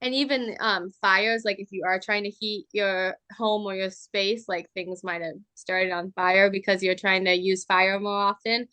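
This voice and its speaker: A young woman co-hosting a relaxed podcast conversation, chatty and prone to tangents. Her voice is bright and forward in the mix. The recording is dry and close, with no room echo. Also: medium pitch, unhurried, hardly any pauses, smooth. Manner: chatty, reads from articles, trails into asides. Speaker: podcast co-host. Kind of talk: casual chat.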